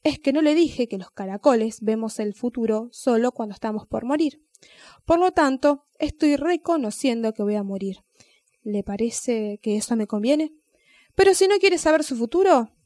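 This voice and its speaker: A woman voicing a crafty, calm male snail who talks patiently and persuasively. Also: sits high, moderate pace, no room sound. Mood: coaxing.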